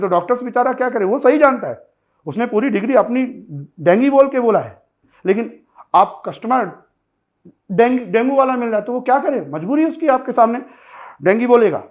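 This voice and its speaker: High-pitched guy teaching pronunciation, jokey, kinda muffled lo-fi sound. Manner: lively, joking, addresses students directly. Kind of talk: classroom-style lesson.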